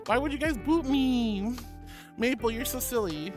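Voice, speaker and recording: A fairly high-pitched woman with lively intonation talks a little slowly as she streams, background music playing. She chats casually, reads comments aloud, and calls her viewers darling, honey and sweetie, all in a playful, giggly manner.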